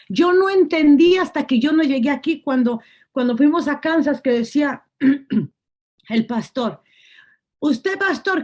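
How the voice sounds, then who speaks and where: A woman's voice: on the high side, darkish tone. A woman, preaching in a storytelling way and acting out what people said. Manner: storytelling, acting out quotes, repetitive. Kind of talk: testimony sermon.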